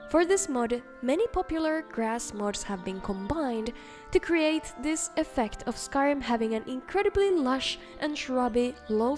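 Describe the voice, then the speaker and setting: A woman narrates a video game showcase in a high-pitched voice. She reads from a script as the host, with soft music playing faintly underneath. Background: faint background music.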